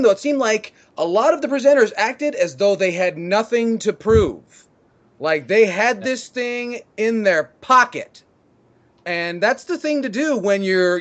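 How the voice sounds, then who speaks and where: A man co-hosting a casual podcast, trading crude, sardonic quips. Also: sits high. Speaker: podcast co-host. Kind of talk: casual game-industry chat.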